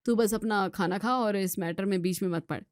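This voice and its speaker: A woman's voice: medium pitch, moderate pace, no room sound, clean studio sound, natural voice. Woman playing a dismissive elder brother.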